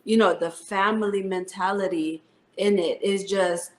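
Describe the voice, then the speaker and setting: A woman in her thirties, an Army first sergeant, speaks earnestly in an interview with plenty of "um"s. Her voice is mid-pitched and rings in a roomy space. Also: fairly even intonation, measured pace. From Philippines, raised in New Jersey. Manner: earnest, heartfelt storytelling with fillers. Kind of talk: interview conversation.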